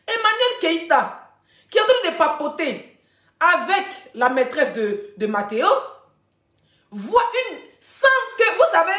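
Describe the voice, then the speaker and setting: A woman hosting a ranting gossip live stream, animated, laughing often and addressing her viewers directly. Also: high-pitched. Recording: roomy echoey room.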